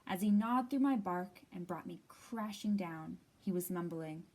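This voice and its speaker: With a lowish voice, a woman leads storytime by reading a children's picture book out loud. She performs certain phrases, builds in dramatic pauses, and keeps her delivery expressive and measured.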